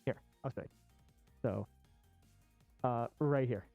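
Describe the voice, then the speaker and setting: Slow, mellow, and tinged with vocal fry, a medium-pitched livestream host chats casually while wearing a fursuit costume head indoors, so the voice sounds muffled and dull. An off-costume streaming microphone picks it up with no room sound and soft music in the background.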